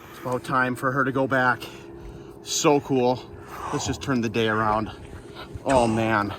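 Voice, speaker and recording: A man's voice: mid-range voice, level tone, unhurried. Enthusiastic man on a fishing boat. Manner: enthusiastic, breathless. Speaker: fishing buddy. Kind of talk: casual outdoor chat. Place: out of doors on a boat on a lake. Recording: light outdoor noise.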